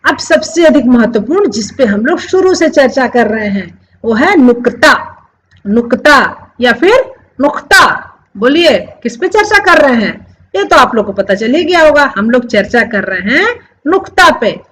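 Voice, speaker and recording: A woman teaching a Hindi lesson, explaining slowly and repeating each word many times while asking the viewers questions. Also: on the high side, big pitch swings, a little hiss or hum, poor audio. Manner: addresses viewers as friends, asks questions. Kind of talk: classroom-style lesson.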